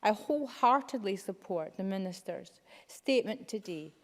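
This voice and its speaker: A woman's voice: medium pitch, animated, normal speed. A woman giving a formal, emphatic speech as a member of parliament. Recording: long reverb of a debating chamber.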